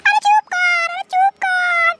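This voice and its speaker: A shrill scolding cartoon mother. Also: little pitch movement, slow, sharp tone, no room sound, exaggerated voice. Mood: shrieking. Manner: screeching threats and insults. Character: shrill scolding mother Pushpa, quick-tempered. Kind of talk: comic Bengali cartoon voice acting.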